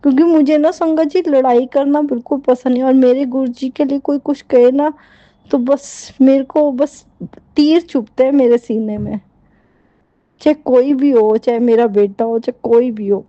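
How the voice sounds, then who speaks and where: A woman's voice: high-pitched, fairly even intonation, normal speed, dark tone, dry recording, lo-fi sound. A middle-aged woman giving a devotional testimony, fervently repeating her thanks over and over.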